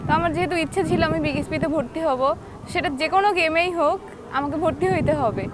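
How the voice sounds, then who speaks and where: A young woman, a boxer guest telling lively stories in a casual interview. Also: sits high, brisk, background noise. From Bangladesh. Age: young adult.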